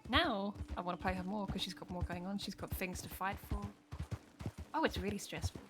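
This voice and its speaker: A chatty woman talks casually and rambles while she plays, dropping the odd swear word. Her voice sits at an ordinary middle pitch. Game music plays clearly behind her, with horse hooves clopping. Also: fairly quick. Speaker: streamer. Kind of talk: casual chat while playing a role-play game.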